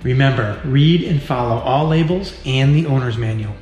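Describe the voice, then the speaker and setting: Muffled audio captures a mid-range male voice at a moderate pace: a forties-aged welder teaching in a large metal workshop. He keeps it practical and plain, explaining every step, amid echo and faint background music.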